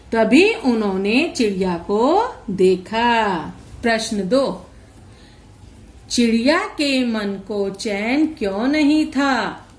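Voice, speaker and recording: A woman school teacher giving a recorded lesson to young children, sounding out words syllable by syllable with slow, careful speech. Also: fairly high pitch. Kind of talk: online class lesson, reading aloud slowly.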